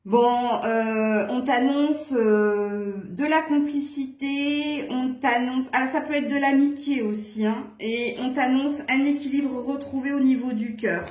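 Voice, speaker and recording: A woman with a slightly high voice gives a casual tarot reading to her viewers. She talks in a chatty, meandering way, full of hesitations and fillers. Her voice rings in a noticeably echoey room. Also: fairly even intonation, measured pace, few pauses, darkish tone. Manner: chatty, hesitant with many fillers, occasional laughs. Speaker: tarot reader.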